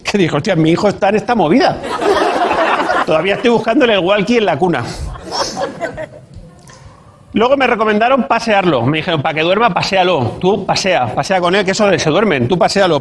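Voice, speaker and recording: A man, doing a punchy stand-up monologue and acting out the voices he quotes. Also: high voice. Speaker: stand-up comedian.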